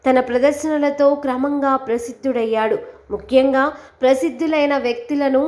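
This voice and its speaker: A woman reading scripted documentary narration in an even, formal way. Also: sits high, moderate pace.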